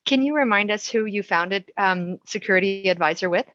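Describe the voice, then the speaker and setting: A woman's voice: mid-range voice, moderate pace, fairly bright tone, no echo. A woman moderating a panel, asking questions with hesitant restarts. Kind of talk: interview questions. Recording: dull dry lo-fi audio.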